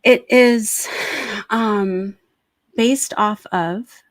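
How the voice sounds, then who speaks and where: A woman's voice: medium pitch, very slow, no room sound. A woman talking informally and encouragingly as a Reiki practitioner, introducing a guided meditation on a livestream.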